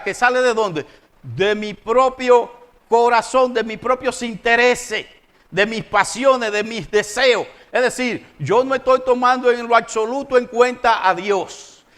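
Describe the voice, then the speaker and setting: High-voiced preacher, emphatic sermon. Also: male voice, a bit bright. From Dominican Republic. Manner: emphatic preaching, rising and falling in volume, addresses congregation directly. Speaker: pastor. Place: church.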